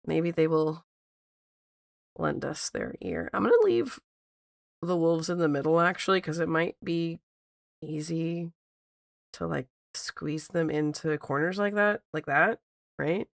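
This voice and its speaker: A woman who sounds squeaky like a toy because she is sick, chatting casually on an art livestream and thinking out loud as she works. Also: a little slow, gravelly, pauses often, no echo, clean studio sound. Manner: thinks out loud, repeats herself. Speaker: art streamer. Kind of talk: casual livestream chat while drawing.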